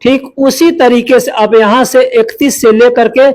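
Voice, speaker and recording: A man's voice: extremely high pitch, fairly even intonation, measured pace, darkish tone. A man teaching a spoken language lesson, saying each line twice in a patient, repetitive way.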